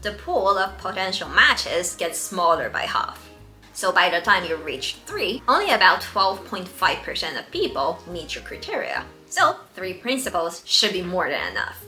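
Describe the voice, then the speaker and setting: A woman's voice: on the low side, big pitch swings, unhurried, bright, forceful tone, soft background music. A young adult woman presenting a scripted advice video as host, speaking confidently and directly to the viewer.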